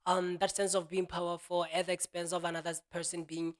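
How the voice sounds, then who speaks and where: A man's voice: high-pitched, level tone, a little fast. Man musing, peppered with "you know". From Botswana. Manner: leans on "you know", acts out imagined voices in quotes. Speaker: self-help speaker. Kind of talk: reflective spoken monologue.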